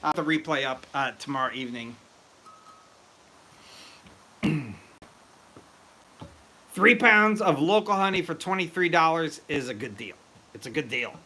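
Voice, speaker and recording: A man hosting a casual live stream about brewing mead, excitable and rambling as he chats with viewers. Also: on the high side, measured pace, pauses often. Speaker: livestream host.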